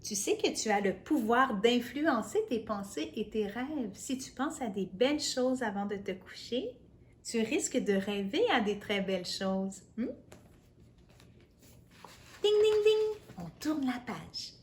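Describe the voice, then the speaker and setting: Slow, gentle storytelling woman. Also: on the high side, animated. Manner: gentle, coaxing, talks directly to the child. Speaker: children's storyteller. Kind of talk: reading a picture book aloud to children.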